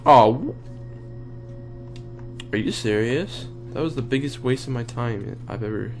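Scared, slow-paced man streaming horror games. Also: medium pitch, soft background music. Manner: scared, sweary gamer muttering and exclaiming. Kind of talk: horror let's play commentary, reacting live while playing.

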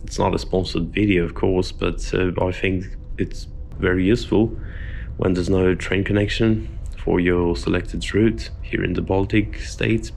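Slow, gravelly-voiced man vlogging. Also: deep voice, a little hiss or hum. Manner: relaxed, chatty, self-deprecating asides. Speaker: travel vlogger. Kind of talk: casual travel vlog. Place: indoors in a hostel, then outdoors in snowy streets and on a bus.

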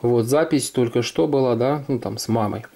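A man's voice: mid-range voice, normal speed, creaky, warm tone. A man presenting an informal tech tutorial, explaining things step by step. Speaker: tech vlogger. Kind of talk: casual smartphone tutorial. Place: indoors at a desk, hands-on demo.

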